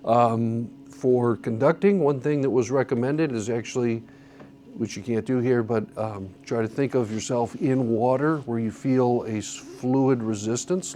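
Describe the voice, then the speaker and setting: A man's voice: mid-range voice, steady tone, a little slow, warm tone. A man teaching a church song-leading class, explaining conducting patterns patiently and counting beats aloud. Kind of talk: classroom instruction.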